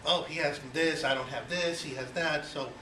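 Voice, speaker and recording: Fairly high-pitched and steady in tone, this man speaks at a moderate pace. Born in Cuba and in his forties, he's delivering a chatty icebreaker speech about himself, full of you-knows and rhetorical questions, captured from a distance in a noisy, echoey room.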